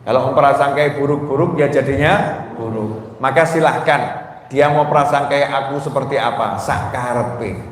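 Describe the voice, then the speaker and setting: A man's voice: mid-range voice, normal speed. A man preaching to a congregation, playfully quizzing the crowd with call-and-response questions and acting out a scolding wife. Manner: playful and joking, acts out scolding wives. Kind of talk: Islamic study sermon to a congregation. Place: large hall with an audience. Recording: echoey hall with faint ambient noise.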